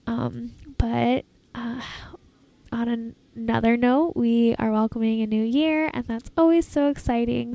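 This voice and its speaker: A woman hosting a casual, reflective solo podcast in an informal, halting way, recorded in an airport terminal. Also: on the high side, creaky, a little mellow. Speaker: podcast host. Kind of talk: casual solo podcast talk, self-help advice.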